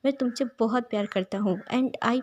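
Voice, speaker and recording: A woman voicing a devoted young man who softly comforts and reassures his crying partner. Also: on the high side, normal speed, dull audio, natural voice. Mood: soothing. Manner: soft, gentle, reassuring. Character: young man, tender and soothing devoted lover. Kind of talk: storybook narration.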